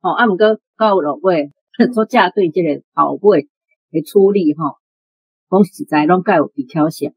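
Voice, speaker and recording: A woman with a fairly low, breathy-edged voice and a Taiwanese accent discusses literature at a moderate pace, giving unscripted explanatory commentary as a radio programme guest or presenter. The recording is dry and of low quality.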